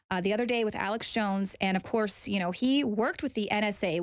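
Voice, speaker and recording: A woman's voice: medium pitch, no echo, clean studio sound. A woman presenting a news commentary segment in an eager, upbeat way.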